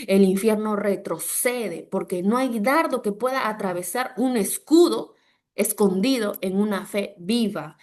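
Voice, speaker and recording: A middle-aged woman with a Peruvian Spanish accent preaching a sermon, fervent, with repeated prayer declarations and bursts of loud emphasis. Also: mid-range voice.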